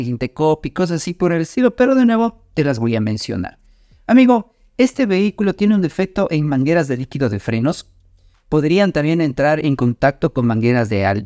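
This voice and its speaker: A man's voice: fairly high pitch, darkish tone, dry recording, studio quality. A man, co-hosting a casual car chat in a friendly way. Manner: friendly, addresses partner as amigo. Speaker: co-host. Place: small studio set with brick wall. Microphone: desk microphone.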